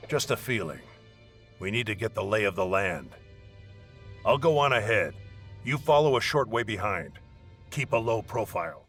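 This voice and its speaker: Curt, scornful, forceful warrior commander. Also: male voice, on the low side, expressive, moderate pace, pauses often, faint music behind. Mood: stern, commanding. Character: hostile, bossy male warrior leading a dangerous scouting mission. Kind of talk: video game dialogue acting.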